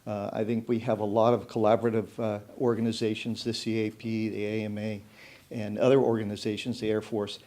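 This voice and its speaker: Halting man addressing a commission. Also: fairly low pitch, little pitch movement, dark tone. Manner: halting, many fillers and restarts. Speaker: club representative at public meeting. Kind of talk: unscripted public comment. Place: city commission meeting room.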